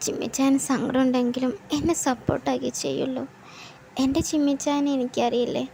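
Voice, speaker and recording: A tearful young woman on the verge of leaving home, her voice high and mellow. She stammers and chokes up, speaking softly through the tears, as a woman storyteller puts her on. A storybook audio tale. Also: a little hiss or hum, low-quality recording. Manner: stammering, soft and hesitant. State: crying.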